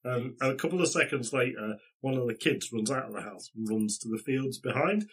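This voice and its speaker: A man's voice: mid-range voice, fairly quick, breathy edge. A man narrating a tabletop game as game master, rambling with many fillers and restarts.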